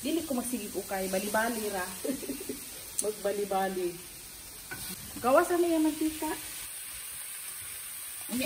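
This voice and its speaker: A woman's voice: a little high, noisy background. Cebuano woman chatting while cooking. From Philippines. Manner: relaxed, chatty, explains each step. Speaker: home cook. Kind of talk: casual cooking vlog narration. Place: home kitchen, indoors. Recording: distant camera mic, music underneath.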